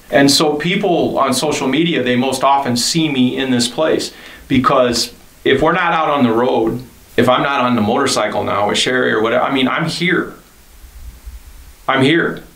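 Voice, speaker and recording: A man in his fifties speaks in an earnest, faith-filled way, circling back and repeating phrases as he reflects on his band and his studio. His voice sits in a middle pitch. The recording carries a roomy echo from the studio around him. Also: a bit bright. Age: 50s. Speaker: band leader and studio owner. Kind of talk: reflective documentary interview.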